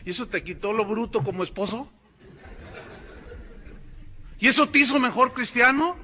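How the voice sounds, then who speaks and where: Animated pastor preaching. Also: male voice, very high voice, normal speed, a little hiss or hum. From Mexico. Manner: animated, mocking, addresses congregation directly. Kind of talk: sermon. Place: church.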